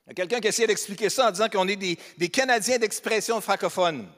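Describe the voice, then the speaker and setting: Speaking fast in a high, slightly bright voice, this Québécois-accented pastor from Beauce, Quebec, delivers a sermon in a church hall. He's humorous and chatty, throwing questions to the congregation, and the room adds a long reverb.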